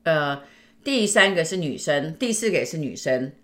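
A middle-aged woman tells a story in a relaxed podcast chat. Her voice sits fairly low for a woman. She recounts events animatedly, slipping into the voices of the people in her tale. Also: normal speed. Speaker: podcast host.

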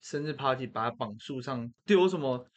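A man's voice: mid-range voice, animated, normal speed. A man with a Taiwanese Mandarin accent, chatting casually as a co-host and speaking his mind bluntly. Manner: frank and blunt, lots of short back-channel replies. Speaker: podcast co-host. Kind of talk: casual chat.

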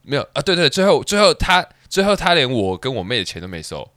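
Fast, bright-voiced man telling a story. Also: medium pitch, no echo, clean studio sound. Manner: animated storyteller, quick restarts, laughs at his own story. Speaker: podcast co-host. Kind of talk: casual chat, telling a personal story.

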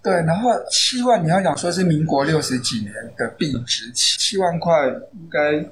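Taiwanese-accented male author guest, chatty storyteller, fairly high voice, noisy recording. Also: lively intonation, moderate pace. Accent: Taiwanese Mandarin. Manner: chatty, anecdotal, many fillers. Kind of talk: casual podcast interview. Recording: noisy background.

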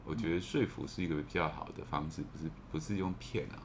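A man's voice: very deep voice, quick pace, gravelly, noisy background. A man with a Taiwanese Mandarin accent talking reflectively in a casual discussion. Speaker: podcast panelist.

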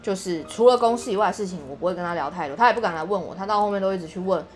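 A young woman with a Taiwanese Mandarin accent tells a story in casual chat, indignant and animated. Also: medium pitch, rapid-fire, faint music behind.

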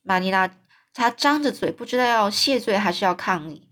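A woman storyteller who retells a classic novel in her own loose words rather than reading it out. She rambles, pauses on fillers and backs up to correct herself, in an even middle voice. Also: medium pitch.

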